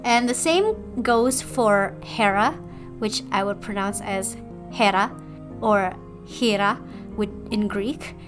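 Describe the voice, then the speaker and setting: A woman's voice: medium pitch, expressive, takes it slowly, few pauses, over music. A young woman from Indonesia, chatting casually in a voice-over about her drawing process, with playful self-deprecating asides. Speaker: artist and video creator.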